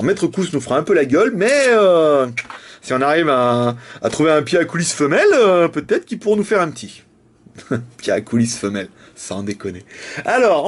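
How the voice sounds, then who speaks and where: A man's voice: on the high side, slight background noise. A young man with a casual, jokey manner, reviewing a phone and often laughing. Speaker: tech reviewer.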